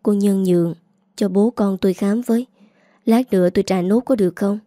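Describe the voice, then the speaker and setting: A woman voicing a worried older brother who talks in an urgent, hurried way. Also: mid-range voice, dark tone, dry recording, clean studio sound, natural voice. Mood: pleading.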